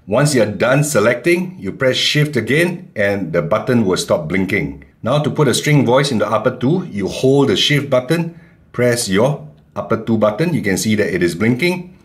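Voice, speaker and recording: A man with an average-pitched voice teaches a keyboard setup one step at a time. He talks in calm, plain instructions, like a tutorial. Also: normal speed.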